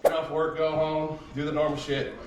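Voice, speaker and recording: A man's voice: fairly high pitch, monotone, normal speed, over a noisy crowd. A man casually tells a rambling, profane story about a police visit and acts out what people said. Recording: roomy, distant, noisy video clip.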